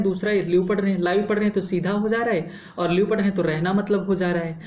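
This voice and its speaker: A man's voice: high voice, darkish tone. A male English teacher gives a classroom-style explanation in Hindi, spelling words out letter by letter, mixing in English terms and asking rhetorical checks. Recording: roomy, dull lo-fi sound with faint hiss.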